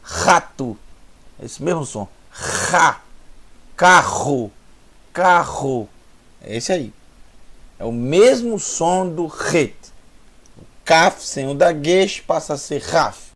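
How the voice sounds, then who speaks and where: A man with a Brazilian Portuguese accent teaching a Hebrew lesson online, drilling sounds slowly and repeating them. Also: a little high, lively intonation, a bit bright. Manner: slow, repetitive drilling of sounds, with restarts.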